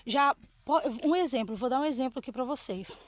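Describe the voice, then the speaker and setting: A woman's voice: high voice, lively intonation, brisk. A middle-aged woman from Brazil, hosting and telling a personal story to her viewers with emotion and lots of diminutives. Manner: emotional, uses many diminutives. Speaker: host. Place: outdoors, dogs and sky in view.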